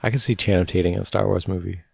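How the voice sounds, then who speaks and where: A man co-hosting a podcast, chatting casually and reading out news with a relaxed, rambling manner and a tired edge. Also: low voice, very fast, gravelly, breathy edge, dry recording. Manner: relaxed, rambling, many fillers. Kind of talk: casual chat.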